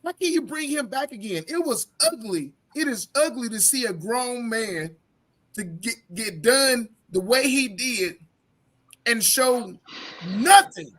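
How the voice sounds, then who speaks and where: A man's voice: extremely high pitch, lively intonation, slow, a bit bright. A man co-hosting a sports podcast, ranting with profanity and stammering restarts. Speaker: podcast co-host. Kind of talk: heated sports talk.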